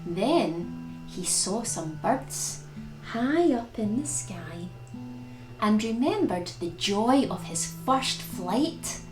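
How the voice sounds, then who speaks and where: As a storytime host, a woman reads a picture book aloud for young children, expressively and with dramatic stress on key words. Her medium-pitched voice swings widely in pitch and moves very slowly. The recording has a roomy echo and plucked guitar music.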